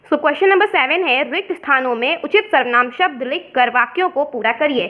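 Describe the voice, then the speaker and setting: A woman teacher from India explaining a worksheet step by step, mixing English words into her lesson. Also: sits high. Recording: dull lo-fi sound.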